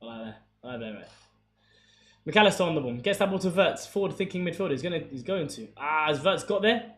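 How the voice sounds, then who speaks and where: A high-voiced, excitable young man talks fast while streaming a football watchalong. He mixes casual play-by-play with conversation with his viewers, recorded in an echoey room with faint background noise.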